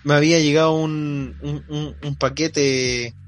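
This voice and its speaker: A man's voice: a little high, fairly even intonation, unhurried, faint music behind. A young man with a Chilean accent, chatting casually as a podcast co-host and retelling a cartoon episode in a rambling, slangy way. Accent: Chilean Spanish. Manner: rambling storyteller, slangy, laughs while retelling. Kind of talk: casual chat.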